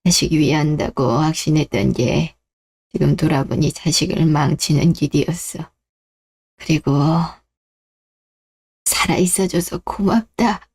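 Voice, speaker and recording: A performer voicing a remorseful, dying old father in a radio drama, who speaks slowly and heavily as he apologizes. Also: fairly high pitch, gravelly, darkish tone, slightly rough, exaggerated voice. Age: older.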